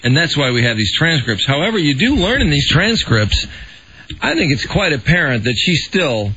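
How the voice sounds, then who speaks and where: A man's voice: fairly high pitch, sing-song, moderate pace, bright, forceful tone, husky. A male radio talk host reading listener emails aloud and explaining at length. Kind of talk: radio talk show chat. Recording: muffled radio broadcast.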